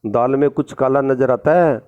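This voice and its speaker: A man's voice: medium pitch, fairly even intonation, normal speed, a little mellow, lo-fi sound, lightly acted. A man voicing a stiff, upright, worried lamp post in a storybook play.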